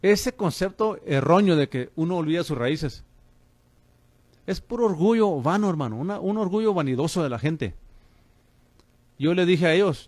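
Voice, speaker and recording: A man's voice: sits high, darkish tone, dry recording. A man preaching on the radio as a pastor and host, fervent and calling listeners brother.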